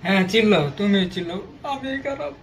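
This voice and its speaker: Sulky clingy girl patient, guy doing her voice, fast and whiny, comedy skit. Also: fairly high pitch, a little hiss or hum, lightly acted. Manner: whiny and pouting, taking offense at everything. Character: sulky, clingy young woman patient who picks fights. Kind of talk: comedy sketch acting.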